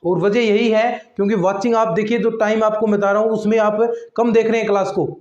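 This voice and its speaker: A man with a high voice teaches maths to his online students, chatting and repeating himself as he explains. His voice carries around an echoey classroom, and the sound is a little dull. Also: little pitch movement, a little fast, a little mellow. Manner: chatty and repetitive, addresses students as friends and lectures them about attendance. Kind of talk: online exam-prep lecture.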